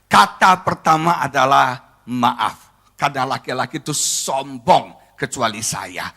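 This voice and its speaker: A middle-aged male pastor, giving a joking, animated sermon to his congregation. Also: mid-range voice, unhurried. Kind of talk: lively humorous sermon.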